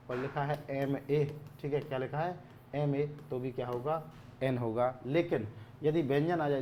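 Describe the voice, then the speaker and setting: A male teacher giving a grammar lesson, asking questions and answering them himself, repeating key words, often clearing his throat. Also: a little high, mellow, a little hiss or hum.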